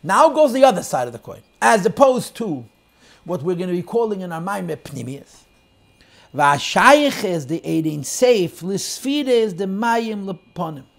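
A Torah teacher leads a class on a Chassidic text, explaining in English sprinkled with Hebrew and Yiddish terms, quoting lines and translating them while his emphasis shifts and his volume swings between loud and soft. His voice is high and sing-song with vocal fry, and he speaks a little slowly.

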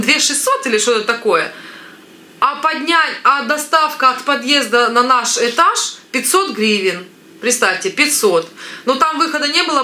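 A woman in her thirties from Ukraine chatting casually to camera in a family vlog, lively and talkative. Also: fairly high pitch, roomy sound, slight background noise. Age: 30s. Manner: chatty, lively, gestures with hands. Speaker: family vlogger. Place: living room with floral curtains, indoors.

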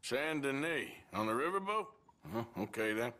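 An actor playing a laconic, deadpan outlaw gunman in a video game. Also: mid-range voice, moderate pace. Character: dry-witted male outlaw gunman.

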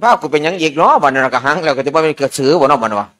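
A man's voice: fairly high pitch, animated, rapid-fire, a bit bright. A man, a Buddhist monk with an Isan accent, giving an informal sermon at a merit-making ceremony in a folksy, joking storytelling manner.

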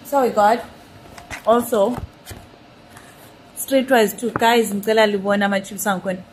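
Speaking at normal speed with a medium pitch and fairly even intonation, a young adult woman vlogs casually from a small indoor hotel room. She has a Southern African accent and weaves Bantu-language words into her chat. It's a noisy recording from a phone held at arm's length.

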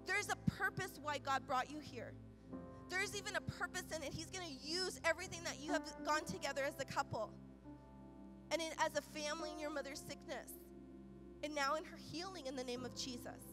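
Woman, pastor, sermon, high-pitched, impassioned, loud-to-soft swings, music playing underneath. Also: a little fast. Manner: impassioned, swings between loud urgent peaks and soft quiet passages; repeats and restarts phrases while preaching. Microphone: microphone.

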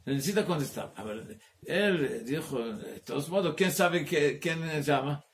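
A male rabbi giving a Torah class, talking in a halting way, searching for words and dropping in Hebrew terms. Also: a little high, lively intonation, gravelly. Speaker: rabbi teaching Talmud.

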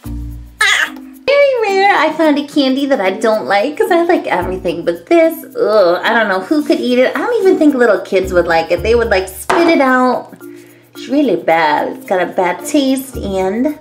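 A woman's voice: fairly high pitch, big pitch swings, moderate pace. A woman hosting a casual candy review, gushing and cutesy as she tastes the treats. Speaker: host. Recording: faint background music.

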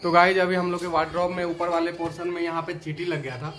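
A man's voice: a little high, level tone, fast talker, noisy background. A man chatting on a family vlog, playfully coaxing his little daughter. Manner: playful, coaxing a small child. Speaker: vlogger, father. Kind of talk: casual family vlog chat.

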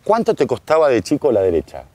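A man with a Rioplatense Spanish accent hosting a casual outdoor interview, joking and chummy with quick questions. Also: medium pitch, wildly swooping pitch, noisy background. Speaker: show host. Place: outdoor garden bar.

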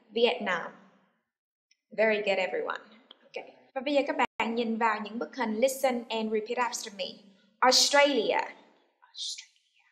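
A woman leads an English class in an echoey room. She talks slowly, a little high, and punches out each model word so the class can repeat it. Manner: switches between explaining and loud, stressed model words for repetition. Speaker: English teacher. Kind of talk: classroom lesson with drills.

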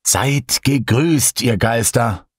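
A man's voice: mid-range voice, slow, slightly rough, no room sound, studio quality, voice pushed up. A man voicing a playful teenage boy who leads a seance in a mock-solemn, theatrical tone.

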